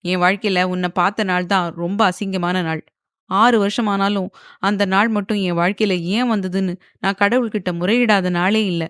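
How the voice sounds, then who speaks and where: A woman's voice: mid-range voice, steady tone, moderate pace, a bit bright, clean tone, dry recording, clean studio sound, natural voice. A woman voicing a proud young woman who answers back angrily and sarcastically, in an audio novel. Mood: defiant. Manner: angry, sarcastic.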